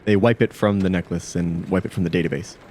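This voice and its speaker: Low-voiced man narrating as game master. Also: fairly even intonation, fast talker, darkish tone, a little hiss or hum. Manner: hesitant, many fillers and restarts.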